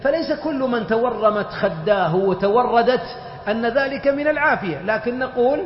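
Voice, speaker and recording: Male religious teacher, very high voice, explanatory lecture, recorded muffled in a long-echo hall. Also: moderate pace, a little hiss or hum. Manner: explanatory, with lively everyday examples.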